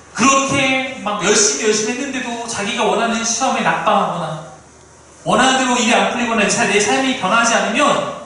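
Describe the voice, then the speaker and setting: A male pastor preaching a sermon in an animated way, now and then acting out the people he quotes. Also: extremely high pitch, distant mic. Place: small church sanctuary. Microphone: distant room mic. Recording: echoey room recorded from afar.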